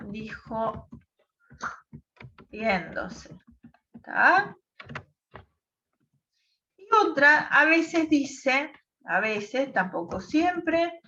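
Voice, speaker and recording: A woman's voice: high-pitched, sharp tone, recorded from a distance, dull audio, a little hiss or hum. A woman teacher, patiently explaining a text to a class and checking in with short questions. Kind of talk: online class lesson.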